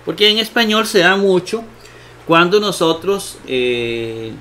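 A man teaching Greek grammar in a slow lecture, thinking aloud with many fillers and asking himself rhetorical questions. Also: high-pitched, big pitch swings, bright, forceful tone, a little hiss or hum. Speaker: Bible exegesis teacher.

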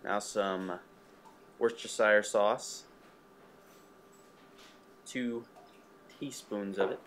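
A man's voice: fairly low pitch, extremely slow, a little hiss or hum. A young man casually talking viewers through a recipe in his home kitchen. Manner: relaxed, talks viewers through steps. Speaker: cooking vlog host.

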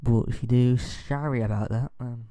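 A man's voice: mid-range voice, steady tone, moderate pace, mellow, dry recording. A man with a blocked nose and sore throat, rambling apologetically in casual gameplay commentary as a gaming YouTuber, recorded at home. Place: home room.

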